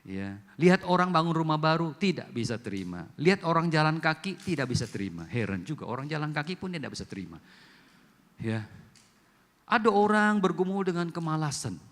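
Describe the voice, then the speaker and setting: A man's voice: a little high, fairly quick. A man preaching a sermon as pastor, telling stories and acting out quoted voices. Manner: lively storytelling with voiced quotes. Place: church hall. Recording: long hall reverb.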